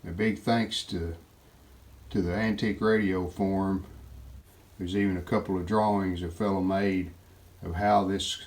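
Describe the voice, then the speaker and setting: His voice sits low and a little mellow, fairly even in intonation, measured in pace and marked by long pauses. The restoration video host casually walks through his hands-on repairs in a plain, matter-of-fact way over clearly noticeable background noise.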